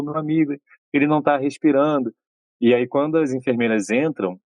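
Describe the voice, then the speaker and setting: A man's voice: darkish tone, no echo. Brazilian man retelling a film, dry close sound. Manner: long retelling, acts out quoted lines in raised pitch. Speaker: podcast co-host. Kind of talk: casual film discussion.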